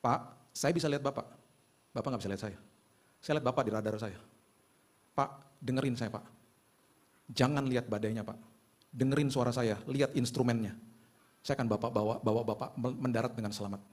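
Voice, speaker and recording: A man voicing a calm male air traffic controller who talks steadily and reassuringly. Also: mid-range voice, fairly quick, long pauses, lightly acted.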